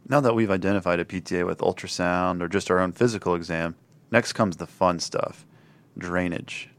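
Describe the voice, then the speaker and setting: A man's voice: low voice, fairly even intonation, normal speed. A man co-hosting a scripted emergency medicine teaching podcast, upbeat when he talks about procedures.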